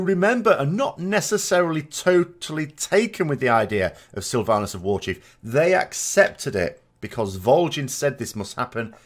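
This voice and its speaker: A man with a medium-pitched voice narrates game lore. He explains it in a measured way, leaning on key words for emphasis. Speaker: video narrator.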